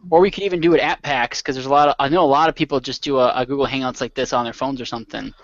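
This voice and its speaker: A man's voice: mid-range voice, fairly even intonation, very fast, no room sound. Young American male host, mid-range voice, chatty, dry but slightly dull call audio. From Michigan, United States. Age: young adult. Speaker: podcast host. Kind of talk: casual chat. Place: video call.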